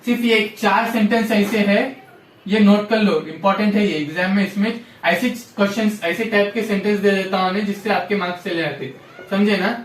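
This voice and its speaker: High-voiced man teaching grammar, echoey room. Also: steady tone, brisk, recorded from a distance. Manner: repetitive, drills rules with frequent "samjhe?" check-ins. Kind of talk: classroom-style grammar lesson.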